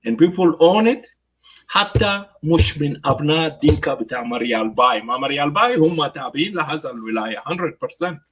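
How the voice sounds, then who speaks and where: A man speaks with a South Sudanese Arabic accent in a somewhat high register. He delivers commentary haltingly, full of fillers and English asides. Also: expressive, a bit bright, husky, low-quality recording. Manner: mixes Arabic with English phrases; hesitant, many fillers. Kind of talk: political commentary.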